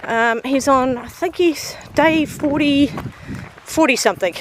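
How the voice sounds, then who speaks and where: A hiker vlogger with a mild New Zealand accent chats casually to her camera as she walks a bush trail, laughing often. Her voice sits high and unhurried, with background noise around her.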